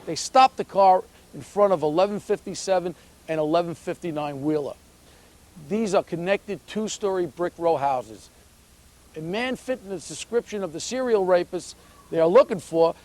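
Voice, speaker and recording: A man's voice: sits high, moderate pace, darkish tone. A man hosting and narrating a police reenactment in a scripted style, also putting interview questions. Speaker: host and narrator, former police officer. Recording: faint background noise.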